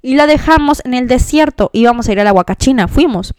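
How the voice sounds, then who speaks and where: A Mexican woman hosting a podcast, telling a personal story in a chatty, expressive way with many fillers. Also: high voice, fast talker, clear, resonant tone, dry recording. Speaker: podcast host. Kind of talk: casual storytelling monologue.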